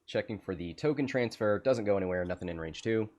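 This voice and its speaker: Lively low-voiced man laughing through commentary. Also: quick pace. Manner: laughs often, excitable. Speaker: livestream commentator. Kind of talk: casual game commentary.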